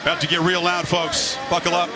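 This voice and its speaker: A man's voice: high-pitched, level tone, fairly quick, noisy background. Male sports commentator over a roaring crowd. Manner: dramatic, punchy short phrases. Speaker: TV play-by-play announcer. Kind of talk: live sports broadcast commentary. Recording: loud stadium crowd and music behind. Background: stadium crowd and music.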